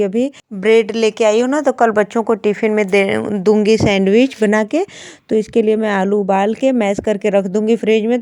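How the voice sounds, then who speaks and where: A woman's voice: medium pitch, mellow, clean tone, no echo. A woman, chatting homely to viewers through her daily-routine vlog. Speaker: vlogger, housewife.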